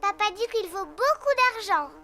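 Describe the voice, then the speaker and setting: Peppa, a very high-pitched little girl pig. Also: sing-song, normal speed, a bit bright, a little hiss or hum, exaggerated voice. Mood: childlike, frank. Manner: childlike, giggly. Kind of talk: French-dubbed preschool cartoon acting. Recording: music behind the voice.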